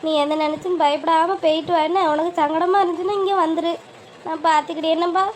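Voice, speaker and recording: A woman voicing a worried, tearful older village mother in an animated family drama, speaking. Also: very high-pitched, fast talker. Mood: anxious pleading. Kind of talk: cartoon voice acting. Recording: faint ambient noise.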